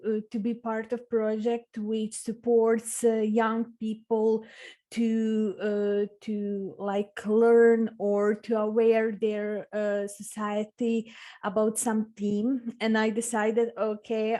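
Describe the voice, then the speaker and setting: A young woman from Croatia with a Croatian accent, speaking halting non-native English as a guest author, full of uh fillers, on a video call. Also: fairly high pitch, mellow. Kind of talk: video interview.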